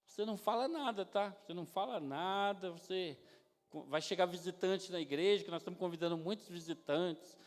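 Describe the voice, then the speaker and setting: A preacher voicing a hushed, insistent pastor. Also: male voice, sits high, fairly quick, voice pushed down, close to an everyday voice. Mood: hushed warning. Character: anxious middle-aged pastor giving firm orders. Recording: long reverb of a church hall.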